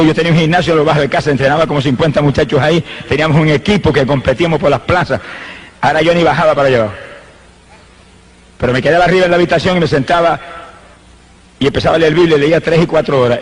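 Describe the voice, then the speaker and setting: A man's voice: fairly high pitch, poor audio. A man from Rico, an evangelist giving a fervent sermon testimony and breaking into praises. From Puerto Rico.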